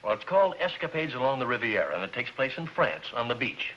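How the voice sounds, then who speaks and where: A man's voice: mid-range voice, very animated, quick pace, lightly acted. A man playing a jovial, wisecracking male neighbor in a 1950s radio sitcom. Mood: teasing. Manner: jovial and teasing. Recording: dull lo-fi old radio broadcast with hiss.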